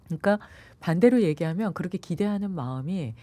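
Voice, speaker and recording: Animated woman with a lively, mellow voice. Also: fairly low pitch, fairly quick, no room sound. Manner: animated, acts out quoted voices. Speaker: meditation yoga expert guest. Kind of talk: radio talk interview.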